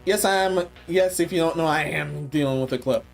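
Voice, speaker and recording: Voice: mid-range voice, fairly quick, creaky, faint music behind. A commentary host talking casually, blunt and profane, and sounding tired.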